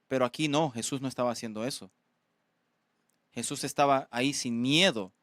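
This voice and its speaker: A man's voice: medium pitch, a bit bright, dry recording, studio quality. A man preaching a sermon as pastor, earnest and often checking in with his listeners. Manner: earnest, asks "¿verdad?" often, halting restarts.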